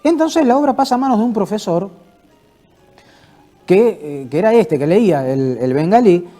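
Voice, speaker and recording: A man's voice: high-pitched, animated, normal speed, dark tone, faint music behind. A man hosting an informal cultural talk, playful like a mock announcer and full of hesitant fillers. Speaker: host. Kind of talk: informal cultural talk answering viewer questions.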